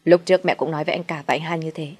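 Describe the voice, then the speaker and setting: Audio-story role: unstable ailing young man, acted by a woman, loud, low outbursts. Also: fairly even intonation, racing, slightly rough. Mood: raging. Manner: shouting, agitated. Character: sickly volatile young husband, fearful of death.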